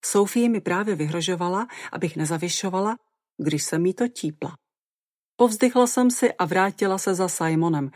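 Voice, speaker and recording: A woman narrating a first-person audiobook in a lively, expressive way. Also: lowish voice, no room sound, clean studio sound.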